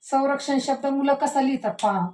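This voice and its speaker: A woman teacher giving a grammar lesson, slowing down to stress each example word and tagging her sentences with the same little word. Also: high-pitched, mellow. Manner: repeats a tag word at line ends; slows and stresses words she demonstrates. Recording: echoey room.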